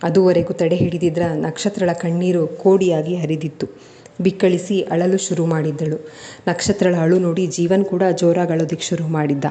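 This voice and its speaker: A woman reads an episodic family drama aloud, steady and emotive. Her voice sits low and sounds mellow and soft-edged. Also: moderate pace. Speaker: storyteller. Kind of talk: scripted narration of a family drama serial.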